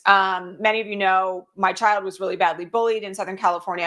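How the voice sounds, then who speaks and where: Animated woman telling a story casually. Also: mid-range voice. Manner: animated, heavy use of fillers like "like" and "um"; voice rises sharply when quoting shouted words. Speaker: host. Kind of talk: casual storytelling to an online audience.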